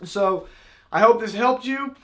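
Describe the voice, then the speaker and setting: A man with a notably high voice teaches hunting calls in a casual tutorial style. He is plain-spoken and folksy, walking through technique step by step like an everyday instructor. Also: measured pace. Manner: folksy, plain-spoken, demonstrates with spoken sound syllables. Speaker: duck call maker and instructor.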